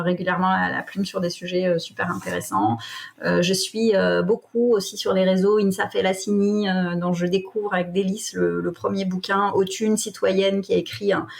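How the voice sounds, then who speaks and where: A woman's voice: mid-range voice, gravelly. A woman speaking as a podcast guest in casual conversation, hesitant, with many fillers.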